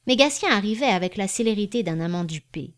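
A woman narrating a classic novel as an audiobook reader, in a measured, even storytelling manner. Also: mid-range voice.

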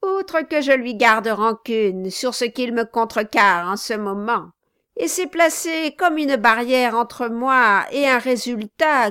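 A woman reading an audiobook, voicing a spiteful scheming male dwarf who talks loudly and mockingly. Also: a little high, clean tone, no echo, clean studio sound. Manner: loud, mocking, bullying.

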